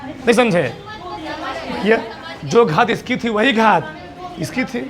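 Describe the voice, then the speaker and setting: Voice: medium pitch, expressive, slow, a crowd in the background. A teacher giving a classroom maths lesson, asking the students question after question in a coaxing, teasing way.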